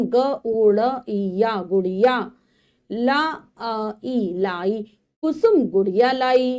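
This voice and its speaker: A woman teaching young children to read, spelling words out letter by letter and then briskly explaining to the class. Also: a little high, mellow. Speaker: primary school Hindi teacher. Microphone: voice-over for a video lecture.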